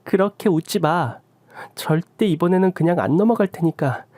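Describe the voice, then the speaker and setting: A woman's voice: on the low side, lively intonation, normal speed, dark tone, no room sound. A woman voicing a fed-up young daughter-in-law who reproaches her husband in a radio drama. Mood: reproachful. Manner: pleading and reproachful.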